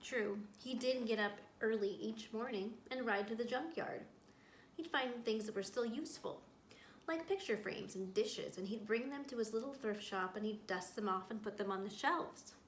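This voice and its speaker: The speaker is a school librarian with a fairly high voice, reading a picture book to children at a normal speed. Expressive in her storytelling, she breaks off now and then for small asides to her listeners. There's a roomy echo and clear background noise.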